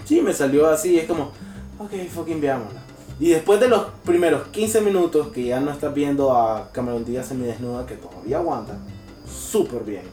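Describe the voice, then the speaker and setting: A young man, co-hosting a casual podcast in a crude, sarcastic, animated way. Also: mid-range voice, a little fast, echoey room, distant mic, faint music behind. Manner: crude, sarcastic and animated, slips into mocking voices. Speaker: podcast co-host.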